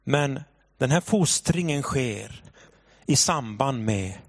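A man in his thirties preaching a sermon in church, telling a personal story with animated delivery. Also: mid-range voice, dry recording, clean studio sound. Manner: animated storytelling, shouting when acting out the scene. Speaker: pastor.

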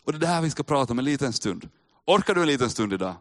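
A man's voice: mid-range voice, very animated. A man preaching a sermon to a live congregation, talking casually and straight to his listeners, and pressing harder on key points. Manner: conversational, addresses listeners directly, rises in emphasis. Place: church with a live audience.

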